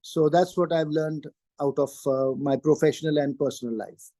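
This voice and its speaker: Older man, interview guest; high, mellow tone, emphatic and repetitive, dry close sound. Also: steady tone, moderate pace, no room sound. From Pakistan. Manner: emphatic, repeats key phrases. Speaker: interview guest, trainer and career coach. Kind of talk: interview answers.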